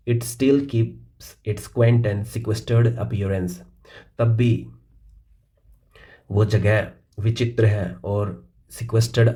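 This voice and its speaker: A man teaching English vocabulary, explaining words casually in Hindi and reading English definitions slowly. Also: on the low side, mellow. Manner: calls listeners "भाई".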